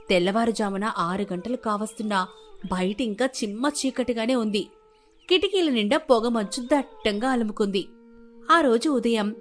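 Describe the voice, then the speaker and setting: A woman giving calm, descriptive scripted narration of a story. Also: medium pitch.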